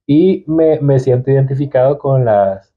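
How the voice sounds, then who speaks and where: Through tinny, phone-style audio, a young entrepreneur from El Salvador speaks with a Salvadoran accent in a mid-range voice at a measured pace. He's a casual podcast guest who often falters and starts over.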